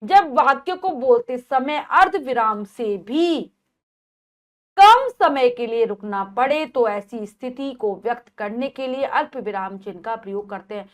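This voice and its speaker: High-voiced woman teaching grammar. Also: expressive, unhurried. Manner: explains patiently, repeats points. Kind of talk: classroom grammar lesson.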